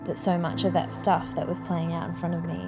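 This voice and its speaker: A woman's voice: on the low side, little pitch movement, fairly quick. A young woman casually recounting a personal story to her partner, hesitant, with lots of fillers and restarts. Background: soft background music.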